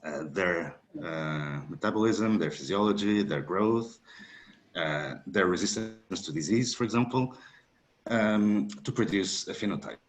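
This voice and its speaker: Deep-voiced guy from portugal giving a webinar lecture, lots of uhs and ums, video call. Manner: measured, hesitant, with many fillers. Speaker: guest speaker.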